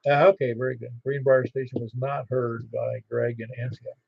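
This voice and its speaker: Creaky-voiced man running a ham radio net. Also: medium pitch, flat delivery, no room sound. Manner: halting, procedural, repeats call signs phonetically. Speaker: amateur radio net controller. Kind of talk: radio net roll call with phonetic call signs. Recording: dull, band-limited ham radio audio.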